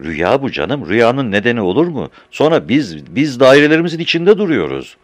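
A man's voice: mid-range voice, very animated, a little fast, no room sound, voice pushed up. A man voicing an exasperated woman artist. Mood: insistent. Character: chatty, exasperated woman artist recounting a dream.

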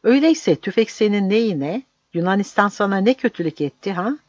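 A man voicing a cruel, mocking soldier who shouts and taunts, on a dull, dry recording. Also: high voice, lively intonation, normal speed, no echo, pitched above the performer's own voice. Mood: angry. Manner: jeering, shouting.

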